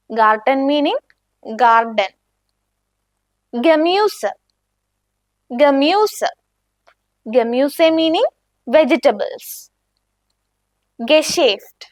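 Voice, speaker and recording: A woman teaching a beginner language lesson with a Malayali accent, saying each word slowly and asking learners to repeat after her. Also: high-pitched, no echo, studio quality.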